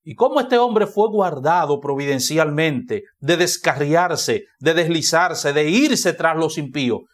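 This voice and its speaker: A man's voice: a little high, lively intonation, measured pace. A man with a Dominican Spanish accent, a pastor preaching a sermon in church, who repeats key phrases for emphasis.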